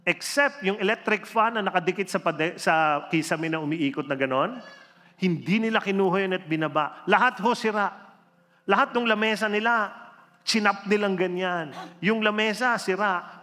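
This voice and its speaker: A man, a religion teacher, telling a true story to an audience in an animated, theatrical way. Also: moderate pace. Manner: animated, theatrical storytelling with big swings in pitch and loudness. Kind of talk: inspirational storytelling talk. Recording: reverberant hall with faint background music.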